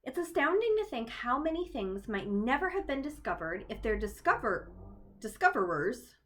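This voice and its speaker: A woman reading a story aloud while guiding listeners through a meditation. Her voice sits a little high and moves up and down a lot. She keeps stepping away from the text to make playful jokes. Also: big pitch swings, moderate pace, fairly bright tone, a little hiss or hum. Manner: playful, laughs at her own asides. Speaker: oracle card reader and storyteller. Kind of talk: casual reading and meditation guidance.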